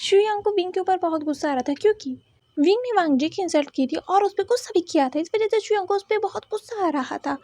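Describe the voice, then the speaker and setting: A woman narrating a fan fiction story in a lively, chatty way, talking to her listeners. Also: extremely high pitch, fast talker, no room sound.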